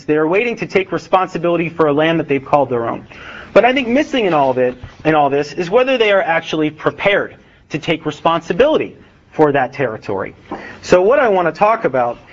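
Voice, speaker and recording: An American man giving a relaxed talk as an author, with many fillers and acted-out dialogue. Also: a little high, muffled recording. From United States. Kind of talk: public talk with a joke. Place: event hall with a live audience.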